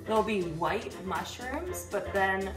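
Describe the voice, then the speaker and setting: Relaxed young woman explaining nature. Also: medium pitch, slow, over music. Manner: informative, relaxed. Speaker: environmental educator. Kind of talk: explaining plants and mushrooms. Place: outdoors on a mountain trail.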